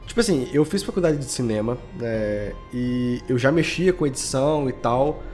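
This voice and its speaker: On a podcast, a Brazilian audio drama creator and editor chats informally about his creative work, full of slang. His medium-pitched voice is expressive and a little mellow, at a moderate pace, over soft background music.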